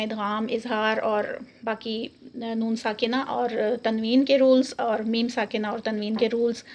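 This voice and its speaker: A woman teaching an online Quran recitation lesson, patiently repeating each letter sound slowly. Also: a little high.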